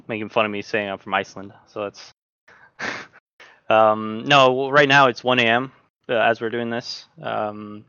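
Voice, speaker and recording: A man's voice: mid-range voice, clear, resonant tone, dry recording, muffled recording. A young man from Norway, a sim racing driver, talking casually as a podcast guest with lots of fillers and restarts. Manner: relaxed, halting, many fillers and restarts.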